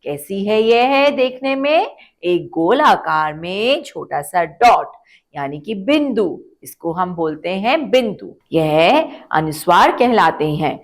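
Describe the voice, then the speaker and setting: A woman's voice: medium pitch, very animated, slow pace. A woman teaching a phonics lesson to young children, stretching out words, repeating them and asking the children questions. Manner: asks the children questions, then answers. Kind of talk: slow, drawn-out phonics lesson for kids.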